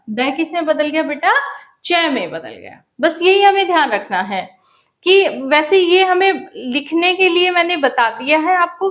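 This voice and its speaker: A woman teaches a grammar lesson at an unhurried pace. Her voice sits high, and she breaks each example into small pieces. She repeats her questions to the students before giving the answer herself. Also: fairly bright tone.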